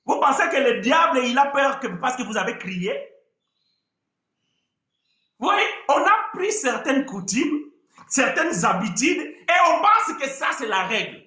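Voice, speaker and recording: A man preaching a sermon, animated, mimicking worshippers with shouts and laughter. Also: very high voice, a little slow, reverberant.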